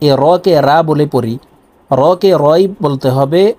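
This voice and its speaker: A man with a fairly high voice teaches recitation in a video lesson. He talks directly to his viewers and takes each word apart patiently, sound by sound. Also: slow pace, darkish tone. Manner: patient and repetitive, breaking words down sound by sound.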